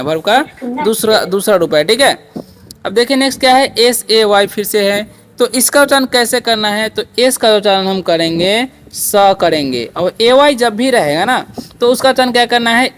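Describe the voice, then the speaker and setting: A woman's voice: mid-range voice, slight background noise. A woman teaching beginner English phonics patiently, repeating each word and asking questions back.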